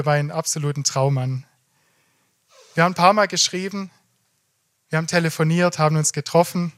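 A man narrating his own story slowly, with halting, stammering pauses. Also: on the high side. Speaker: show participant.

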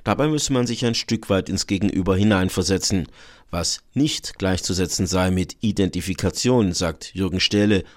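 A man's voice: deep voice, normal speed. A man reading scripted narration as a radio reporter.

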